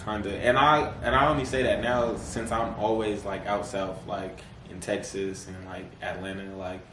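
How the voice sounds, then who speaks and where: A man talks in a relaxed, slang-heavy way as a podcast guest, filling pauses with "like" and laughing easily. His voice sits at an ordinary pitch. The sound is roomy and set back from the mic, with a faint hiss behind. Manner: laid-back slang, many fillers, laughs often. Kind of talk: casual chat. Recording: echoey room, mic at a distance, faint noise.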